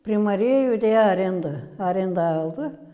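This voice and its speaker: A woman from Gagauzia with a Gagauz accent, explaining village history as a local museum guide in an unhurried, halting way with many pauses. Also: medium pitch, expressive, warm tone, big-room sound. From Gagauzia, Moldova.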